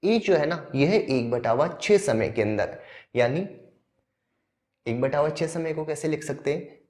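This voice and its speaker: A man's voice: on the high side, lively intonation, measured pace, darkish tone. Man explaining maths problems step by step. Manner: explains step by step, asks questions then answers them. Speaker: maths teacher. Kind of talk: exam-prep maths lesson.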